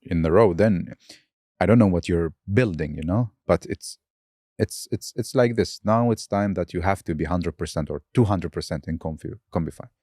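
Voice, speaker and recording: A man's voice: sits low, moderate pace, warm tone, no room sound, clean studio sound. A man hosting a podcast interview, searching for words as he talks and laughing often. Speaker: podcast host. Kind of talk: casual interview chat.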